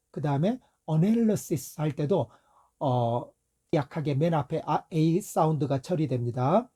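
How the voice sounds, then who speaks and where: A middle-aged Korean man teaching English pronunciation calmly, saying each word two ways to contrast them. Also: fairly high pitch, breathy edge. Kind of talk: explanatory lesson.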